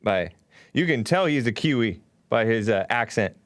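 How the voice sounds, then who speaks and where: A man's voice: mid-range voice, lively intonation, moderate pace, dry recording. A man hosting a call-in show, talking casually with callers.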